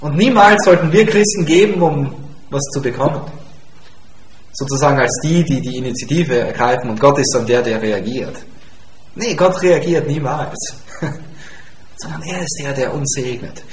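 A man's voice: mid-range voice, normal speed. A man preaching a sermon in a church hall as the congregation's pastor, speaking emphatically and repeating his key points. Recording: echoey church room.

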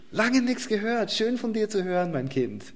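A man's voice: high voice, pitched above the performer's own voice, full character voice. A man voicing a delighted, fatherly God who welcomes his child back, in a raised, chuckling tone. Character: joyful fatherly God greeting a returning child.

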